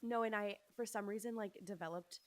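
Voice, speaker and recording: A woman's voice: mid-range voice, fairly quick. A young woman from Los Angeles, a musician guest chatting casually in an interview, with many fillers and restarts. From Los Angeles, USA.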